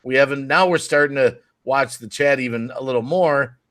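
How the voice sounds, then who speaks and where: A man's voice: mid-range voice, normal speed, a bit bright. A man co-hosting a live stream in casual, joking chat.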